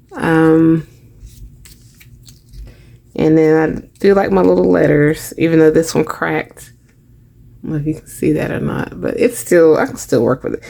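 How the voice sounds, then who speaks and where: A woman's voice: sits low, creaky, mellow. A woman hosting a crafting channel, chatting casually to camera in a rambling, self-deprecating way, trailing off with fillers.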